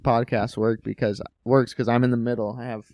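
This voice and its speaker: A man's voice: mid-range voice, flat delivery, brisk, a little mellow, dry recording, clean studio sound. A man co-hosting a podcast, talkative and teasing in casual banter. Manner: talkative, laughing teaser. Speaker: podcast co-host.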